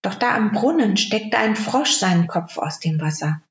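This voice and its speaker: A woman reads a fairy tale aloud in a calm, measured storybook style. Her voice sits in a roomy space, and the recording is dull and lo-fi. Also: medium pitch.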